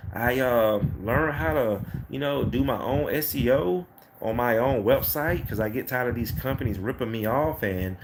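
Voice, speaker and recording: Casual vlogger, man, late 30s, mid-pitched, chatty storyteller who keeps saying "next thing you know"; recording is noisy with clicks. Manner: rambling, repeats "next thing you know", acts out quoted dialogue. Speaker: carpet cleaning business owner.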